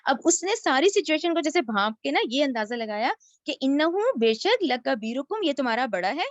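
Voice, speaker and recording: A woman teaching a Quran lesson, reciting each Arabic phrase slowly and then explaining it in casual spoken Urdu. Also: on the high side, no room sound, highs cut off. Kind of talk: word-by-word Quran translation lesson.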